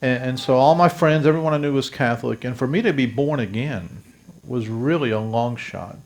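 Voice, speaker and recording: Speaking at normal speed in a mid-range, darkish voice, this South Louisiana pastor in his fifties shares his life story with the congregation. His testimony sermon comes across as earnest and direct.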